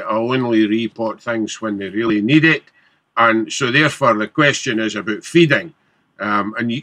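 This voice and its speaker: A Scottish-accented man sharing practical gardening advice informally. His voice is bright and forceful at a middling pitch. It is recorded dry and close. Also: dry recording. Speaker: head gardener giving advice.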